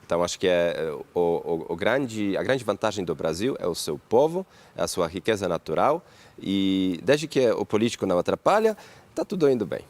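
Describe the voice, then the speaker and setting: A man from Poland with a Polish accent, a company CEO interviewed as a guest, talking in a pragmatic, optimistic, measured way. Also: sits low, very animated, darkish tone.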